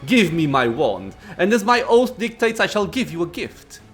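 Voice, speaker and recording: A man's voice: sits high, very animated, normal speed, a bit bright, soft background music. A man voicing an ancient undead lich master from a fantasy game, lordly and impatient, speaking in formal, archaic phrases. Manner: imperious, archaic formal speech. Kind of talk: acted reading of fantasy game dialogue.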